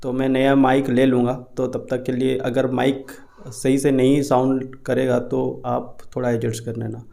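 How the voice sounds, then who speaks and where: A man's voice: medium pitch, level tone, moderate pace, creaky, warm tone. Young Indian man vlogging casually. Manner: chatty, repetitive, reassuring, many fillers and restarts. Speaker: YouTube crypto vlogger. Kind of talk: casual Hindi-English vlog talk. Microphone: cheap unreliable microphone.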